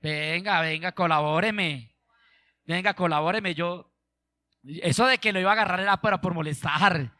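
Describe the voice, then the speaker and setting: A humbled king, begging and apologizing in a wheedling tone, as a preacher puts him on. The voice drops well below the man's own high speaking pitch. The sound is dry and close. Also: moderate pace, pushed and bright, dry recording. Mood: pleading. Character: pleading humbled male king begging for help.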